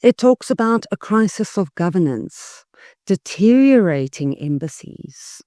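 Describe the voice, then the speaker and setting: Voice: mid-range voice, very animated, measured pace, dark tone, no echo, studio quality. A political YouTuber, giving emphatic, scathing commentary and leaning hard on key words. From South Africa. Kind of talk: opinionated political commentary vlog.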